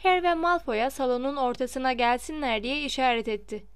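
A woman's voice: sits high, fairly quick, clean tone, no room sound. A woman narrating a novel as an audiobook, reading expressively at a close microphone.

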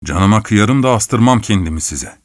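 A man voicing a furious, defiant male killer who shouts threats in an audiobook reading. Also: fairly low pitch, expressive, normal speed, no room sound, natural voice. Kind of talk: audiobook character voice.

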